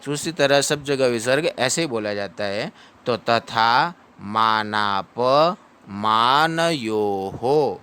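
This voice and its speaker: A man teaching Sanskrit verse pronunciation, stretching each syllable out slowly between brisk explanations. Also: medium pitch, a bit bright, smooth. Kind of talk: patient pronunciation lesson.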